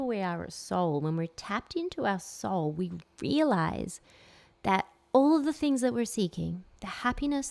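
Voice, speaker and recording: A woman hosting a reflective solo podcast, speaking slowly and emphatically and repeating key phrases. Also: lowish voice, a little mellow. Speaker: podcast host.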